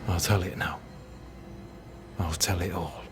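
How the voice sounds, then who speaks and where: A self-righteous military captain for a game. His voice is low, his speech formal, bitter and defiant, with clear music underneath. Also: steady tone, unhurried. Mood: stern, bitter. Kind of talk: dramatic video game acting.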